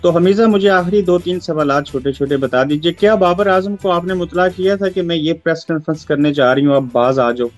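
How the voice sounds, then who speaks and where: A man with a Pakistani Urdu accent, asking probing, measured interview questions. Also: on the high side, soft background music.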